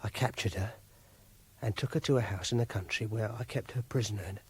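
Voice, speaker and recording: This male actor, lowish and husky, plays an English clerk who is obsessive, lonely and full of self-pity, haltingly confiding in a first-person radio drama monologue. His mood comes across as dreamy and obsessive.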